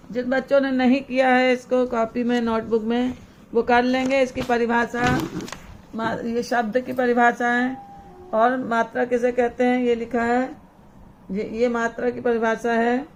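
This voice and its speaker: Slow, careful woman teacher. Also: fairly high pitch, little pitch movement, a little mellow, slight background noise. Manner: slow, deliberate, spelling out words one by one. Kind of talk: online class lesson for children.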